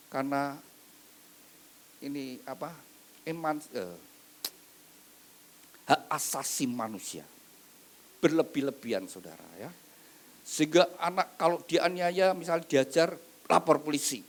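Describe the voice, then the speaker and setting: Animated male pastor preaching. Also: medium pitch. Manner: animated preaching, swings between loud and soft. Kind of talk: wedding sermon.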